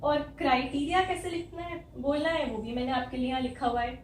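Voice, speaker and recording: A woman teacher giving a spoken language lesson, explaining slowly and spelling out each sound step by step. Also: high-pitched, a little hiss or hum. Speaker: English teacher. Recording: echoey room, from some distance.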